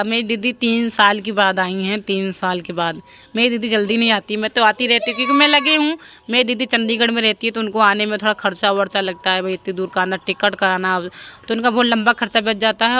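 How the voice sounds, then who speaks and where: A woman's voice: a little high, bright, forceful tone. A young woman narrating her home video in a chatty voice-over, often pleading with viewers to comment. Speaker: family vlogger.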